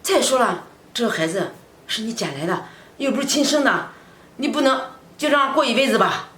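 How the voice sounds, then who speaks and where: An actress playing a middle-aged neighbor aunt who tries to make matches, speaking in a coaxing, persuasive way. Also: female voice, fairly high pitch, expressive, brisk, fairly bright tone. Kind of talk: short web drama acting. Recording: echoey room.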